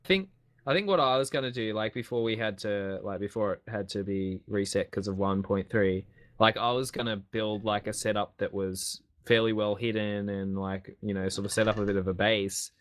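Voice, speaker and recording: A man's voice: lowish voice, moderate pace, a bit bright. Rambling young-sounding Kiwi man. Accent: New Zealand. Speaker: podcast host. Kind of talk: casual gaming podcast chat.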